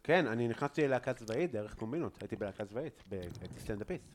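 Man, podcast host, casual chat, relaxed, fillers, faint hiss. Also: medium pitch.

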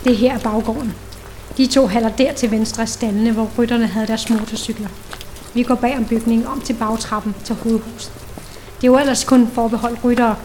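A woman playing a brisk former undercover agent. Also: fairly high pitch, steady tone, darkish tone, a little hiss or hum, lightly acted. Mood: explaining. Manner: brisk, commanding. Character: tough former undercover woman guide, impatient. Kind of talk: Danish audio drama.

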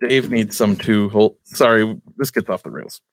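A man's voice: fairly low pitch, slow, no room sound. A man hosting a casual podcast, laying out the rundown in a loose, swearing manner. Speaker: podcast host.

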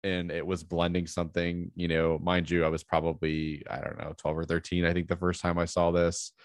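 An American man with a croaky, frog-like voice, sniffly with a cold, hosting a casual film podcast in a chatty way full of asides. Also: low-pitched, level tone, a little fast, no room sound, clean studio sound. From southeastern United States. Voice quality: croaky, froggy voice. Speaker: podcast host.

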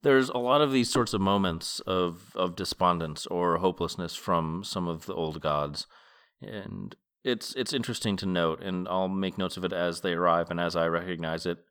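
A man's voice: deep voice, normal speed, a bit bright, clear, resonant tone. A man hosting a podcast, reading a novel aloud a page at a time and adding short comments. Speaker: podcast host and reader.

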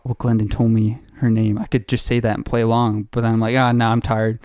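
A young man co-hosting a podcast, telling a story in a casual, animated way with laughs and acted-out quotes. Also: fairly low pitch, brisk, no echo, clean studio sound. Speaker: podcast co-host.

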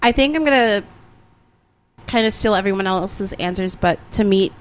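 A woman's voice: medium pitch, moderate pace, slight background noise. A woman chatting casually as the co-host of a podcast. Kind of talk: casual chat.

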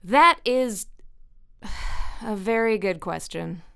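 A woman's voice: high voice, expressive, normal speed, fairly bright tone. A woman voicing a fierce, hungry female wanderer in an audio drama, blunt and threatening. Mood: wry.

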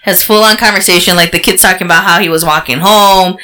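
A woman in casual chat, telling an animated, profane story. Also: on the low side, fast, low-quality recording.

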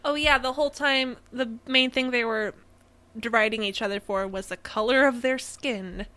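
A woman's voice: on the high side, fairly even intonation, normal speed, bright, forceful tone. A young adult woman co-hosting a podcast, chatting casually and laughing often between sentences. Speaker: podcast co-host. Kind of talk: casual chat.

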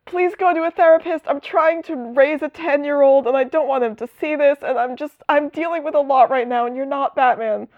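A frazzled young hero, pitched up high and begging over and over, as a woman puts him on. The sound is dull and dry, like a lo-fi podcast. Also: brisk, hardly any pauses, no echo, lightly acted. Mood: exasperated pleading. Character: exasperated young man pleading with a rogue brother.

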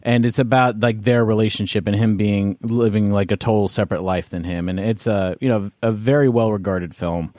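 A man's voice: on the low side, steady tone, a little fast, few pauses, a little mellow, no echo, clean studio sound. A man, hosting a casual movie chat and rambling through his points with lots of fillers. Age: 30s. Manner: rambling, loose, many fillers. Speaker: podcast host.

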